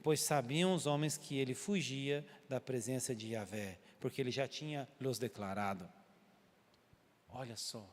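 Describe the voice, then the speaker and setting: A man's voice: medium pitch, moderate pace, hardly any pauses. A man preaching a sermon in a church, telling a story animatedly and acting out its scenes while calling his listeners brother. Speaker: pastor. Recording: long church-hall reverb.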